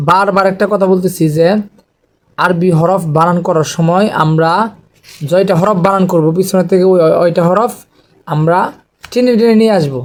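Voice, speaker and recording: High-voiced man drilling Arabic spelling. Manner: slow, patient letter-by-letter drilling with short grammar asides. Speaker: Quran reading teacher. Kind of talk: spelling out Arabic letters and vowel marks in a class.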